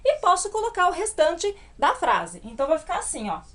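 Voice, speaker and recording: A woman with a Brazilian Portuguese accent teaching English grammar at a whiteboard, patiently checking in with her students and slowing down to spell out the English examples. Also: very high voice, huge pitch swings, fairly bright tone. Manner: patient, checks in often with tag questions.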